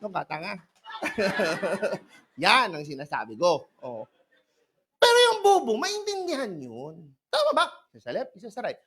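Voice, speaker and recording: A man's voice: sits high, huge pitch swings, normal speed, pushed and bright. A man from Pangasinan giving a comedic motivational sales talk, joking with and teasing the people in front of him. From Pangasinan, Philippines. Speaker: presenter at a business opportunity seminar. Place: in front of a live audience.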